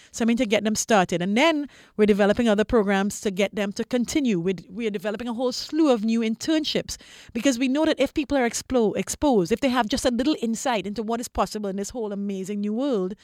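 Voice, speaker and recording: Her voice on the high side with a darkish tone, a Trinidadian woman speaks as an interview guest and corporate diversity executive. She explains persuasively and articulately, repeating phrases to stress points, in a dry, studio-quality recording.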